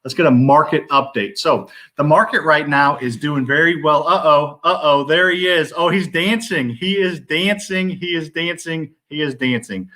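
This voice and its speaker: A man's voice: on the high side, moderate pace, few pauses, bright, forceful tone. A man hosting a live stream interview in an upbeat, hyped manner. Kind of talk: livestream interview chat.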